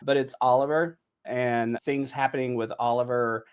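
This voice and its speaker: With a smooth, medium-pitched voice, fairly even intonation and a moderate pace, this podcast host, a writer-producer, chats casually about what goes on behind the scenes. He stresses points by repeating words and keeps asking "right?"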